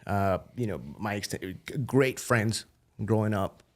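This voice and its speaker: A man from Colombia in his thirties with a Colombian accent, a podcast guest telling his story in a relaxed, animated way. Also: on the low side, slow pace. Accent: Colombian Spanish. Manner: relaxed, animated storytelling with frequent "you know" and "dude". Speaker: podcast guest, biotech founder. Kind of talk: casual conversational interview.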